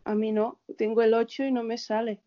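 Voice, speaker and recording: Casting: woman, fairly high voice, tentative polite asker, lo-fi call audio. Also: level tone, fairly quick, mellow. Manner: tentative, polite questioning with restarts. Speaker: participant asking a question. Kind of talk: casual group video call. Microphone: video call. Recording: dull lo-fi video call audio.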